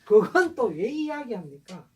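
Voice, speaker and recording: Woman lecturing a class, lots of rhetorical questions, bit high voice, mic kinda far off w faint hiss. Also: moderate pace. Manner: animated, asks rhetorical questions. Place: lecture room. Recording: distant mic with faint room noise.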